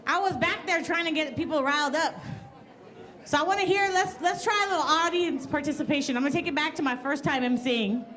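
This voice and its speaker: A woman's voice: high voice, a little fast, a bit bright. A woman emceeing a festival program on stage, joking with the crowd and rallying them, a bit out of breath. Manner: playful, joking, rallying the audience.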